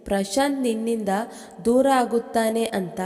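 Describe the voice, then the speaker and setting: A woman's voice: on the high side, measured pace, warm tone, long reverb tail. A woman voicing a stern, accusing mother-in-law who scolds sharply.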